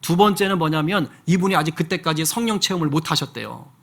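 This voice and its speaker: A male pastor preaching with a fairly high voice, speaking to his church like he is telling a friend a story. He asks the congregation questions as he goes and stays relaxed and direct. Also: fast talker, gravelly. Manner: conversational storytelling with rhetorical questions. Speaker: senior pastor. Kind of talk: sermon.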